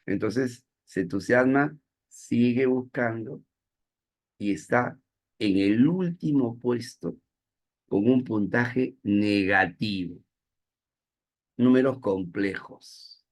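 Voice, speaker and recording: A male teacher lectures his class in a playful, self-mocking way. His voice sits at an ordinary middle pitch, and he keeps stopping to check that the students are following. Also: slow, pauses often.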